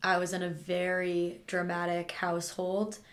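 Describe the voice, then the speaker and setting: A woman's voice: lowish voice, completely flat delivery, a little slow. A woman co-hosting a podcast, chatting casually and reflectively, laughing easily. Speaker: podcast co-host. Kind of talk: casual chat.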